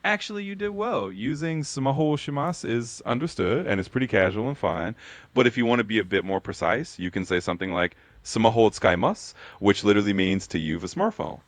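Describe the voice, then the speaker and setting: A man's voice: mid-range voice, lively intonation, fairly quick, no room sound. A man speaking as an encouraging, affirming language tutor in a conversational style.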